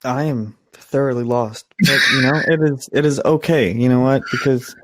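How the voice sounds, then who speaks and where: A man's voice: mid-range voice, moderate pace, no echo. A young man co-hosting a podcast in casual chat, teasing and playful. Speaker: podcast co-host.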